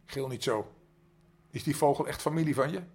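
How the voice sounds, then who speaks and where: An older man voicing sly, wary forest snakes in a hissing, hushed manner, reading a storybook aloud. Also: medium pitch, moderate pace, husky, pitched above the performer's own voice.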